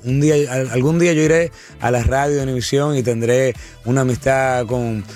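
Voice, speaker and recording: Eager singer talking. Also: male voice, medium pitch, fairly even intonation, brisk, a little mellow, faint music behind. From Dominican Republic. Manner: eager, repeats and restarts words, laughs easily. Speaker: singer guest. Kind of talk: casual interview chat.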